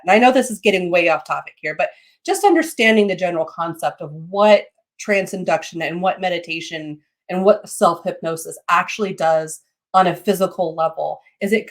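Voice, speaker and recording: Woman, slightly low voice, informal teacher, explanatory delivery, halting phrases, checking tags. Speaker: teacher of meditation and psychic development. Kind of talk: informal live lesson, explanatory.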